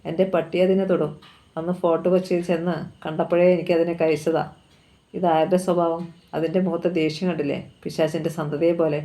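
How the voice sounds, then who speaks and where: A woman's voice: low voice, mellow. A woman reading a novel aloud, telling the story steadily and lightly voicing the dialogue. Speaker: novel reader.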